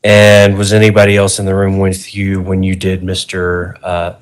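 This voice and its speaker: As a defense attorney cross-examining a witness in court, this man keeps things conversational and informal. His voice is low and monotone at a moderate pace.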